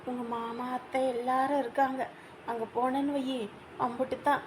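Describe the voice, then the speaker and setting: A woman's voice: sits high, level tone, normal speed, background noise, natural voice. A woman playing a hurt, shunned woman. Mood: sorrowful. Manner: hurt, pleading, defensive. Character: shunned woman, ashamed and wounded. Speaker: estranged sister of the host family. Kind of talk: village family drama acting.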